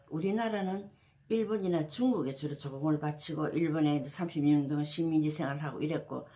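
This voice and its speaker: Her voice is low, creaky, and mellow as she, a channel host, casually recounts a story from history. She rambles, often using fillers and starting sentences over.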